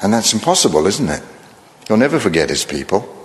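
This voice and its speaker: A man preaching a sermon in a measured, earnest way, often asking rhetorical questions. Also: fairly low pitch, very animated, big-room sound, a little hiss or hum.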